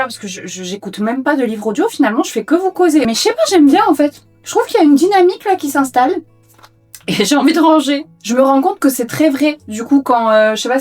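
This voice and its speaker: A young woman with a fairly high voice talks casually to the camera while she tidies her own room at home. She chats on and pokes fun at herself. Soft music plays quietly behind her. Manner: chatty, self-mocking, talks to viewers while sorting books. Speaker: booktuber tidying her reading room. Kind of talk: casual vlog chat while tidying.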